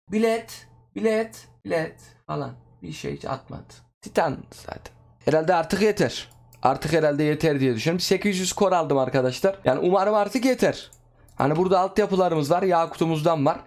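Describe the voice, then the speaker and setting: A young man giving casual, excitable commentary over his own gameplay, chatting to his viewers like friends. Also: a little high. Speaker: gaming YouTuber.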